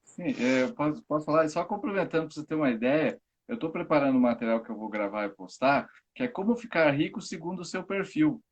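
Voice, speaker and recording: A man, a teacher and guest on a live stream, explaining ideas in a casual, lively way and acting out everyday examples. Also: on the high side, quick pace, highs cut off.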